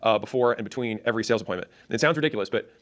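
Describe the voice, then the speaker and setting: A man telling his own story in an animated, chatty way, with quick self-mocking asides. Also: lowish voice.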